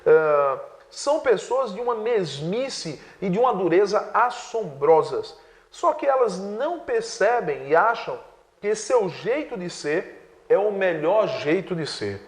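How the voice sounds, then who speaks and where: A man's voice: high voice, big pitch swings, unhurried, reverberant, in a large hall. A male teacher explaining exam answers step by step, often checking in with "né?". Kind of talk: exam prep lesson.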